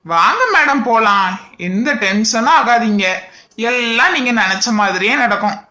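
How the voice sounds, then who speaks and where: A woman voicing a boastful young man in a cartoon, who calmly tells a worried woman to leave everything to him. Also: on the high side, moderate pace, pitched below the performer's own voice. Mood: reassuring. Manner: boastful, soothing reassurance. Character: cocky young man, self-assured schemer. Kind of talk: cartoon character voice.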